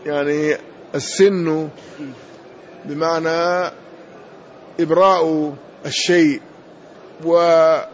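A man's voice: fairly high pitch, steady tone, slow, pauses often, dull audio, slight background noise. A man teaching, explaining each phrase of a text that was just read and confirming with short affirmations. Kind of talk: explanatory lecture.

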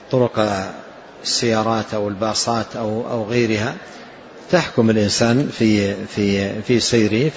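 A man teaching a religious lesson, explaining hadith in a measured way and repeating key phrases as he goes. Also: lowish voice, muffled recording, a little hiss or hum.

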